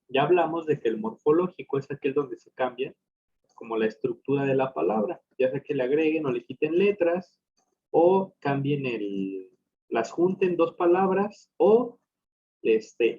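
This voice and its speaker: A man's voice: mid-range voice, animated, moderate pace, mellow, slightly rough. A man teaching a lesson, explaining step by step and often checking that his students follow. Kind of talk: recorded class lecture. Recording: dull lo-fi recording.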